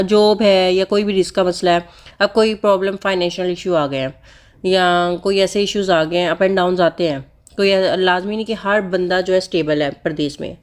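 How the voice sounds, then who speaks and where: Earnest woman vlogger giving advice. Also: on the low side. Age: adult with school-age children. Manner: earnest, repetitive, instructive, with frequent restarts. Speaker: vlogger sharing personal religious advice. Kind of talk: casual heartfelt talk to viewers.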